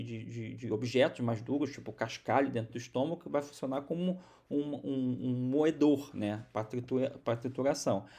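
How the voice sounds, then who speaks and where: A man's voice: mid-range voice, creaky, darkish tone. A man from Brazil giving a recorded university biology lecture, explaining step by step with many restarts and repeated words.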